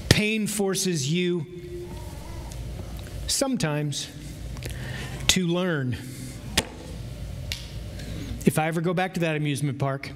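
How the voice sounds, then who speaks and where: A middle-aged male pastor delivers a sermon in a slow, deliberate cadence, his fairly high voice leaning hard on each key word. The sound carries a long church reverb with faint room noise underneath. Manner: slow, emphatic preaching with drawn-out pauses. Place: large church sanctuary with stage.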